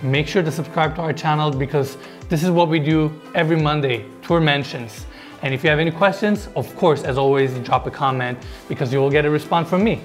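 A chatty man tours a large indoor house basement, giving casual walkthrough narration on a lapel mic. He is enthusiastic and speaks directly to viewers in a fairly high voice at a brisk pace, with faint music behind him.

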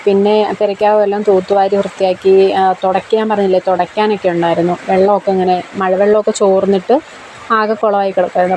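A young woman telling about her day at home in a cooking vlog. She chats in a homely way, and her voice is hoarse from a blocked throat. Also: mid-range voice, mellow, a little hiss or hum, rough recording. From Kerala, India. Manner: chatty, homely storytelling with frequent tag questions. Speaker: cooking vlogger. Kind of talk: casual vlog voice-over. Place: home kitchen. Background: rain.

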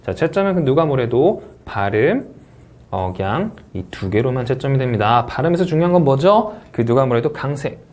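A man at a medium pitch runs an English speaking test review lecture. He talks with energy, starts his sentences with a quick filler, and repeats the scoring points so they stick. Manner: energetic, repeats key points, says "자" often.

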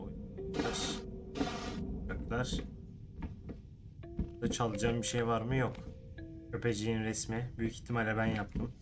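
A high-pitched man plays through a horror game and comments as he goes. He is jumpy and curses freely, shouting at whatever is on the screen. Loud game music plays under his voice. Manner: swears a lot, jumpy, yells at the game. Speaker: gaming streamer.

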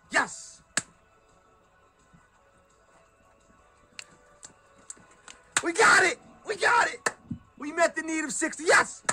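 Shrieking jackpot winner, man, very bright voice. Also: very high voice. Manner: shrieking jackpot winner, shouting and whooping over wins. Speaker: slot streamer. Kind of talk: excited live slot-play commentary. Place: indoor streaming setup.

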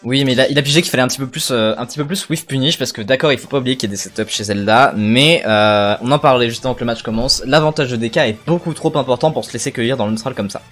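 A man's voice: mid-range voice, rapid-fire, few pauses, fairly bright tone. A man giving casual, analytical esports caster commentary, thinking aloud and repeating phrases. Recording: faint music behind voice.

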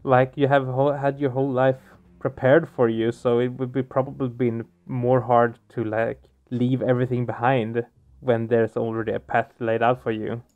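A man with a medium-pitched, fairly flat voice talks at a moderate pace, the audio sounding like it came through a phone. He's doing casual let's play commentary on a game playthrough, thinking aloud hesitantly. Soft game music plays in the background.

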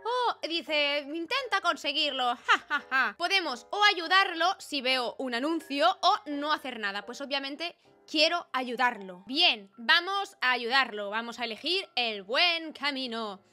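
Woman, Peninsular Spanish accent, gaming host; casual let's-play chatter, exclamatory, high and bright. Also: expressive, unhurried, soft background music. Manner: chatty and exclamatory, reading game choices aloud.

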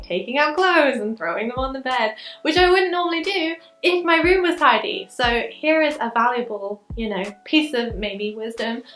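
A young adult woman, a lifestyle vlogger, gives upbeat, instructive narration while cleaning her bedroom, mixing tutorial voice-over with talking to camera. Her voice sits a little high with a fairly bright tone, though the recording is rough. The setting is a bright bedroom indoors.

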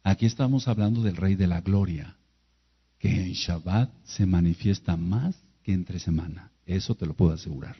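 A man's voice: deep voice, moderate pace, breathy edge. A man preaching a sermon, full of rhetorical questions and repeated phrases. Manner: emphatic, rhetorical questions and repetition. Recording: dull lo-fi video audio.

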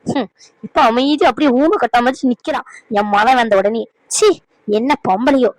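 Woman playing a sneering old granny, sharp-tongued and bitter, high voice, dry studio sound. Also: normal speed, no room sound, close to an everyday voice, low-quality recording. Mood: scornful. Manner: scornful, sneering. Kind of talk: cartoon dub acting.

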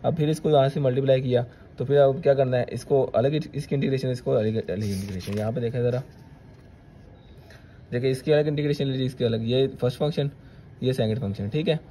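A man's voice: mid-range voice, fairly even intonation, fast talker, mellow, a little hiss or hum. A male maths teacher, talking students through each step of a solution and checking in with "theek hai".

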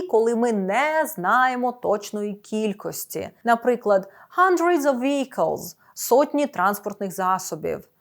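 Clear-voiced woman teaching a lesson. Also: fairly high pitch. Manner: clear instructive delivery, slowing on English examples. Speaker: English teacher. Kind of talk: scripted video lesson.

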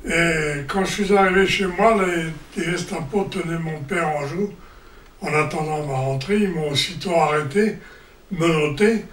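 An elderly man from Brittany telling his story in measured documentary testimony, heard in an echoey hall from afar. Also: a little high, fairly bright tone, far from the mic, slight background noise. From Brittany, France. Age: older. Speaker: former resistance member giving testimony.

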